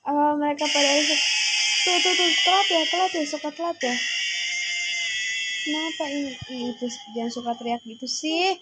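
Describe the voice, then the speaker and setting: A woman's voice: high-pitched, a little fast, long pauses, very noisy. A young woman, chatting casually through a game and bossing her younger sibling around. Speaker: gaming streamer. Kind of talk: casual gameplay commentary.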